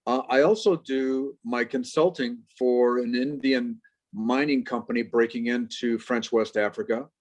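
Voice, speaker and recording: Lively storytelling man on a video call. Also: mid-range voice. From Chicago, United States. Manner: lively storyteller, quick asides and jokes. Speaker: guest, professor. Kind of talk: casual interview over video call.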